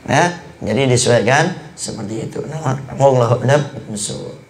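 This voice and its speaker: A man preaching a sermon to a study circle, lively, sometimes acting out the people he quotes. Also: mid-range voice, moderate pace, a little hiss or hum. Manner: animated, acts out quoted people in voices. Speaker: Islamic preacher.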